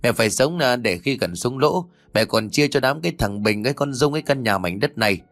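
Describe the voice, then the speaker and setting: A man voicing a cruel middle-aged daughter-in-law who scolds harshly and fast, in a lively reading. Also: mid-range voice, no room sound. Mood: berating.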